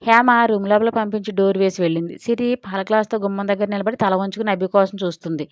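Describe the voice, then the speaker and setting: Brief: woman storyteller, expressive scripted narration, smooth and resonant. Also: mid-range voice, fast talker, dry recording, lo-fi sound.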